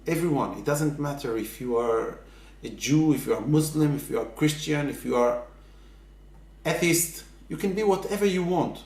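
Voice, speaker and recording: A man giving earnest, halting interview answers full of fillers. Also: fairly high pitch, darkish tone. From Israel. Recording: echoey room.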